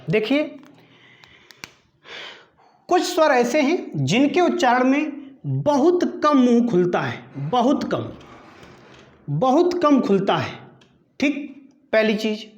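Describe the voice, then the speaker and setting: A man with a very high voice teaches an exam-prep grammar lesson, posing quiz questions, answering them himself, and repeating each term in slow, deliberate drills. The recording sounds roomy and muffled.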